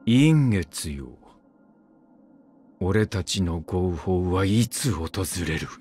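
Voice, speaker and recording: Heavily acted game lines have a man voicing a weary, brooding immortal swordsman, very slow and expressive, darkish with a breathy edge. Faint music sits behind his low, curt, grim, clipped phrases.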